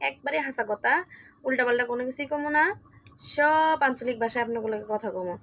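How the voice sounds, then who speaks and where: A woman's voice: a little high, quick pace, a bit bright, a little hiss or hum. A woman from Tangail with a Tangail Bengali accent, chatting casually and laughing as she tells a story at home while cooking. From Tangail, Bangladesh. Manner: chatty and laughing, mixes dialect words. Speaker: vlogger.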